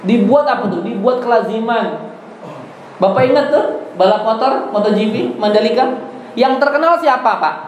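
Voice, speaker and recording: A man's voice: extremely high pitch, moderate pace. Man, preacher, chatty, sermon, roomy mosque sound. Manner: chatty, joking, lively storyteller. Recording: echoey mosque hall, faint background noise.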